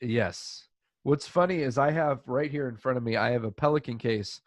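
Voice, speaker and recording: A man co-hosting a show in casual banter, animated and often laughing. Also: medium pitch, moderate pace, no room sound, clean studio sound. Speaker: co-host.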